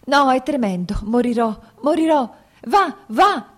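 A woman reading an audiobook, voicing a frightened young woman in labor who pleads in quick, repeated phrases. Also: animated. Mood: anguished. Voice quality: high, strained and urgent.

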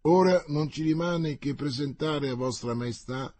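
A man voicing a nervous, embarrassed gentleman envoy who speaks with hesitant deference. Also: a little high, a little slow, dry recording, voice pushed up. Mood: uneasy.

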